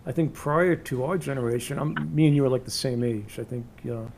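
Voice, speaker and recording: A man's voice: medium pitch, brisk, darkish tone, a little hiss or hum. A man in his sixties hosting a casual interview, chatty and rambling with many fillers. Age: 60s. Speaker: interview host.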